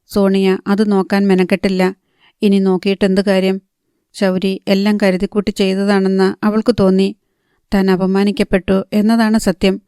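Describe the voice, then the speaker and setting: Woman reading a novel aloud, flat even delivery, smooth mellow voice. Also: medium pitch, moderate pace, dry recording, clean studio sound. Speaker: audiobook narrator. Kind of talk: novel narration.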